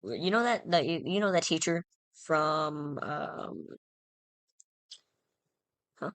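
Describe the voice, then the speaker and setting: A woman with a low-pitched voice spins a goofy school anecdote in a loose, meandering way, stopping to correct herself and toss in fillers. Her tone is playful and self-mocking. The sound is dry and close, with no room around it. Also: lively intonation, slow pace, a bit bright, no room sound. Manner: rambling, self-interrupting, frequent fillers and "right?". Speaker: storyteller. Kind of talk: casual anecdote telling.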